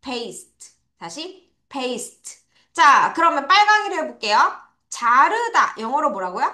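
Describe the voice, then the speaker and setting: A woman teaching English vocabulary to children in an online lesson, asking questions and answering them herself, spelling words letter by letter and drawing out each word slowly for pupils to repeat. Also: high-pitched, very animated, bright, forceful tone. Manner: spells words letter by letter, slow drawn-out model pronunciation. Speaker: English teacher at a private academy.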